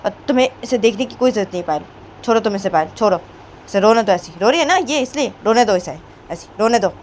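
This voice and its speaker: A woman voicing a quick-tempered older woman who scolds loudly and fires off repeated questions. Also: mid-range voice, expressive, a little hiss or hum, voice pushed up, close to an everyday voice. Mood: scolding. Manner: loud, hectoring, repeats questions.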